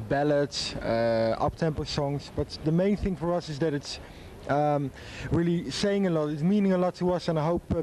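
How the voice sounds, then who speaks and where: A man's voice: a little high, mellow, slight background noise. A man in his twenties answering interview questions earnestly, with fillers. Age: 20s. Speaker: pop singer.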